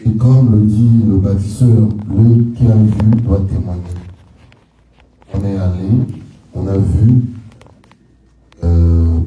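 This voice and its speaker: Low-voiced man speaking from across a room. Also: mellow. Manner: rhetorical, repetitive, emphatic. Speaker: political activist. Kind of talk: public speech at a community gathering. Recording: echoey room, from far off.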